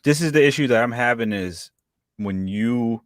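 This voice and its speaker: A man's voice: medium pitch, moderate pace, no echo, studio quality. A man in his thirties chatting casually as a co-host, rambling and hesitant with many fillers. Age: 30s. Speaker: live-stream co-host. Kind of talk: casual chat.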